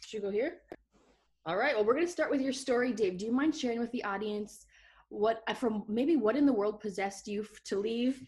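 A woman's voice: fairly high pitch, fairly quick, darkish tone. A woman with a North Dakotan accent, co-hosting a casual conversational interview. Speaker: podcast co-host interviewer.

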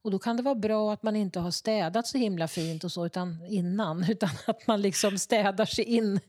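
A woman's voice: mid-range voice, darkish tone, no echo. Guest, woman, potter, rambling and full of fillers, dry close sound. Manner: hesitant, rambling with many fillers and restarts. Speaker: ceramicist guest. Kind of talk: casual interview chat. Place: her own pottery workshop.

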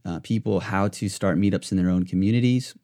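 A man with a fairly low voice hosts a casual podcast. He rambles and restarts his sentences, padding them with fillers as he goes. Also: a little fast, mellow. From United States. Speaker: podcast host.

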